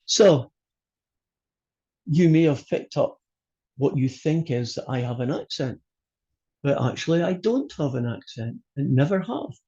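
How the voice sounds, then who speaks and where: A Scottish man who teaches college math introduces his course over a video call. His voice is fairly high, expressive, mellow and husky, unhurried with frequent pauses, and the highs are cut off. He's chatty and joking, loose with fillers.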